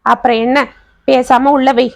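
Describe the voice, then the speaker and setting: A woman voicing a gentle, affectionate old father. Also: high voice, flat delivery, normal speed, vocal fry, no echo. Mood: tender. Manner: soft and affectionate.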